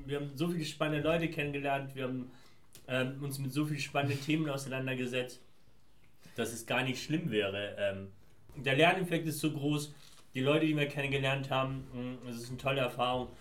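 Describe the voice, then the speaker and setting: A man's voice: mid-range voice, brisk, a bit bright. A man from Afghanistan, a founder answering interview questions in long, winding, reflective sentences. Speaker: guest, founder. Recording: roomy echo.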